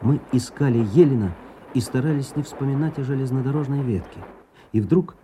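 A man's voice: mid-range voice, brisk, warm tone, a little hiss or hum, natural voice. An actor playing a reflective soldier who narrates his army story in scripted first person.

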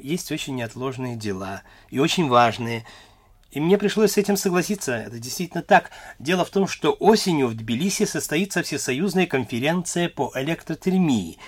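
A man conducting a formal radio interview, courteous and measured, with occasional hesitations. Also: fairly high pitch, lively intonation. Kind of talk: Soviet-era radio interview.

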